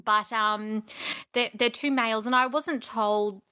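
A woman's voice: a little high, fairly even intonation, unhurried, bright, forceful tone, clear, resonant tone. A young woman co-hosting a casual podcast, telling rambling stories and laughing often. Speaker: podcast co-host. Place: recording studio.

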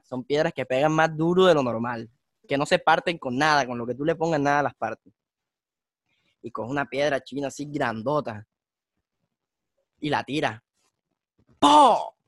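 A young man, telling a street story on a casual podcast in slangy, animated talk. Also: fairly high pitch, moderate pace, no echo, clean studio sound. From Colombia. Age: young adult. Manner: slangy, animated, acts out voices in his stories. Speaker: podcast host.

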